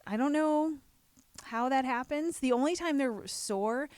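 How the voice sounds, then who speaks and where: A woman's voice: high voice, measured pace, a little mellow, clear, resonant tone, dry recording. A woman hosting a podcast in casual chat, rambling along in a self-deprecating way. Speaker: podcast host. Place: room at a gym.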